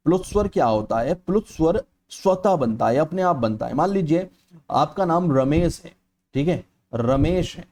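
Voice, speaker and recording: A man teaches an exam-prep lecture with a mellow, relaxed tone and a slightly raised pitch for a man. He explains step by step, checks in with his students again and again, and draws out vowels to show how they sound. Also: normal speed. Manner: explanatory, repeats "ठीक है" often; stretches vowels aloud to demonstrate.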